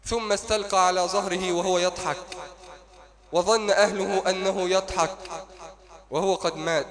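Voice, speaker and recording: A man preaching a sermon in a mosque, telling a moving story and rising to impassioned near-shouting. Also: high-pitched.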